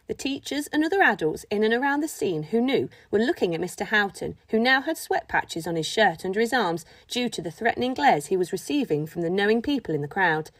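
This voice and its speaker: Woman narrator for a kids' audiobook, lively storytelling, close dry recording. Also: medium pitch, no room sound. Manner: expressive storytelling. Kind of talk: scripted narration.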